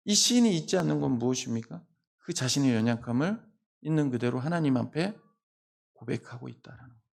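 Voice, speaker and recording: A man's voice: on the high side, gravelly. A middle-aged man preaching a sermon as pastor, earnest and at times pleading as he voices the cries of the psalm. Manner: earnest, rising to pleading cries when voicing laments. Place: church sanctuary. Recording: long hall reverb.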